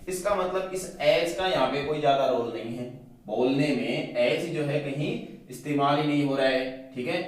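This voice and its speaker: A male teacher giving a grammar lesson, explaining patiently and checking in often with his class. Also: on the high side. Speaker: English teacher. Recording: very echoey room, mic at a distance.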